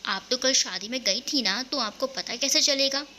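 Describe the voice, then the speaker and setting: A woman's voice: high voice, moderate pace, sharp tone, slight background noise. A woman doing a welcoming young husband. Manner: welcoming, easy.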